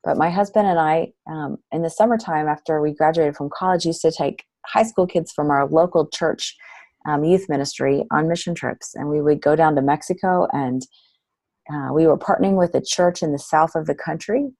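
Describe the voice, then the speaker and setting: A woman's voice: deep voice, normal speed, darkish tone, no echo, rough recording. A middle-aged woman, a nonprofit director, telling her story earnestly as an interview guest.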